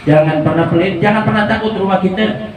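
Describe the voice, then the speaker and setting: Lively preacher in an echoey hall. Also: male voice, high-pitched, a little fast. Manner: lively, joking, slangy. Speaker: religious preacher. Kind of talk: informal sermon with storytelling. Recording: echoey, distant room mic with faint ambient noise.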